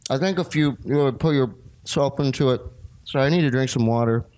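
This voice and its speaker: A man's voice: mid-range voice, brisk, a little mellow, dry recording, lightly acted. A man playing a rambling amateur artist. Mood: awkward. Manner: hesitant, rambling, many fillers. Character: bumbling amateur bottle artist, simple and rambling. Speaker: interview guest. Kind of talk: comedic radio sketch.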